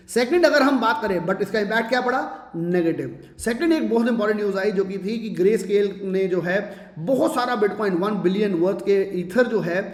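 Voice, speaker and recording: High-voiced man in an echoey bare room. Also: a little mellow. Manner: promotional, persuasive, mixes in English phrases. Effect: heavy echo from a bare room. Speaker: market commentary channel host. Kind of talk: casual market explainer to viewers. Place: room with almost no furniture. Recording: echoey sparsely furnished room.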